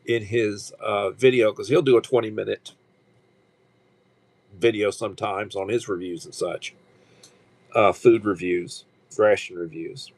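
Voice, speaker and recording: A man in his sixties with a lowish voice and steady tone hosts a casual livestream. He talks in a rambling, halting way, restarting frequently and using lots of fillers.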